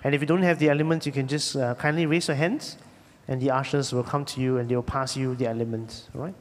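A man's voice: medium pitch, steady tone. Man praying with cathedral echo. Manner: measured, reverent liturgical recitation. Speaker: pastor. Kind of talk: leading prayer and communion liturgy. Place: church sanctuary. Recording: long echoing hall reverb.

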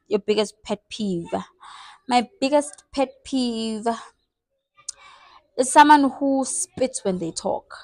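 A woman's voice: medium pitch, darkish tone, no echo. A woman in her twenties with a South African accent, chatting playfully and teasing herself in a casual get-to-know-me vlog. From South Africa, Eastern Cape. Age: 20s. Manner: chatty, playful, self-mocking. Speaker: vlogger.

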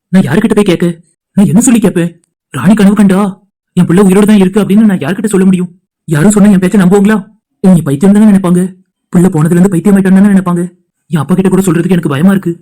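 A man's voice: high-pitched, rapid-fire, pauses often, dark tone, natural voice. A man voicing a worried cartoon father who talks anxiously to himself about his lost daughter. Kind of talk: cartoon voice acting.

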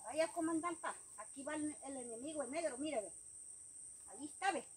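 A woman's voice: high voice, fairly quick. A woman outdoors in brush, playing a complaining corporal in an improvised skit, often dropping to a mutter.

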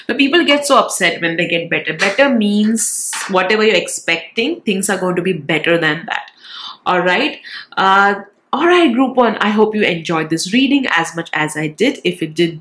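A woman's voice: fairly low pitch, fairly bright tone. A woman with a nasal, congested voice from a cold, giving a casual tarot reading to viewers and often checking in with short tags. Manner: reassuring check-in tags like "all right", "okay". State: has a cold. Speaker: tarot reader, channel host. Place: indoors, at a decorated tabletop.

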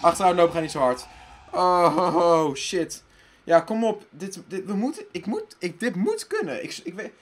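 A man hosting a let's play who talks to himself and loudly panics while playing. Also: sits high, very animated, moderate pace, background noise. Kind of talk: casual gaming commentary.

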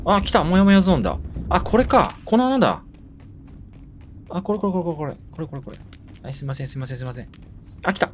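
A man giving let's-play commentary, excitable, talking to himself and repeating words in quick bursts. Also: a little high, a little hiss or hum. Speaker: game streamer.

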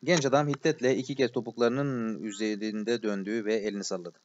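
A man's voice: on the low side, steady tone, brisk, darkish tone. Man reading an audiobook, muffled sound. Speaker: audiobook reader. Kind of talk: audiobook narration of a classic novel.

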